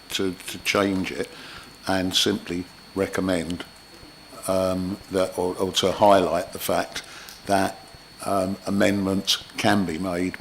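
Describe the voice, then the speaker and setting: A councillor, a man with a husky voice, argues a procedural point in a council meeting, often repeating words as he goes. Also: sits low, fairly bright tone, slight background noise. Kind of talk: committee debate.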